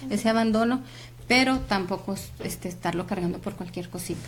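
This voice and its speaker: A woman's voice: medium pitch, brisk, a little hiss or hum. A woman psychologist with a Mexican Spanish accent, explaining earnestly as an interview guest with many fillers. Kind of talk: explanatory talk show interview.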